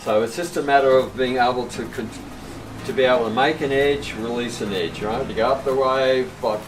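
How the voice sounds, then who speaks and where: A man's voice: medium pitch, a little fast, background noise. An older man in his sixties giving casual hands-on instruction as a surf coach, explaining things and often checking in with "right?". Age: older, about 60s. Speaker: surfboard seller and surf coach. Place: open surfboard workshop with roller door. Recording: echoey workshop, distant mic, background music.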